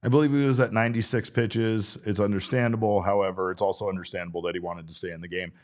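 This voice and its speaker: A man's voice: on the low side, steady tone, fast talker, darkish tone. A man in his forties hosting a casual sports talk show, rambling and breaking off his own sentences. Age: 40s. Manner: rambling, self-interrupting. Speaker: podcast host.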